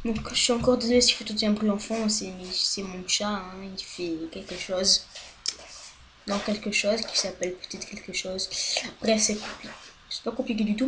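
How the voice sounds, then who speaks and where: A woman talks her way through a home game session into a headset mic, loose and rambling, letting swear words slip and then apologizing. Her voice sits at a middling pitch with faint noise in the background. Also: fairly bright tone. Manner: chatty and rambling, swears often, apologizes a lot. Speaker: gaming video host. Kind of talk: casual let's-play commentary. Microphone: headset microphone.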